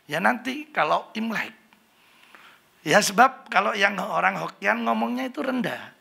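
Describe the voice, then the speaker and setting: Joking preacher, gravelly bright voice. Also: male voice, high-pitched, lively intonation, unhurried. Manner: chatty, joking, slips into Javanese, mimics Chinese greetings. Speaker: pastor. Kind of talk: humorous sermon. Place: church hall.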